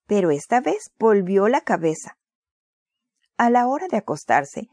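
A woman reading a children's story aloud in a clear, expressive way. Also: mid-range voice, dry recording, studio quality.

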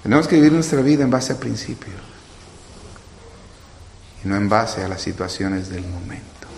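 Male pastor, mid-pitched voice, dramatic storytelling sermon, roomy long-echo hall sound. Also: lively intonation, moderate pace, gravelly, darkish tone, a little hiss or hum. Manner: retells scripture with dramatic acted quotes. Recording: echoey hall with long reverb.

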